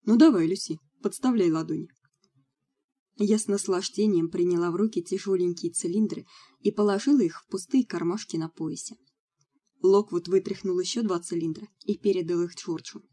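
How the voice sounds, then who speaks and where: A woman reading a first-person audiobook in a steady storytelling delivery. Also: fairly low pitch, fairly quick. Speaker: audiobook narrator.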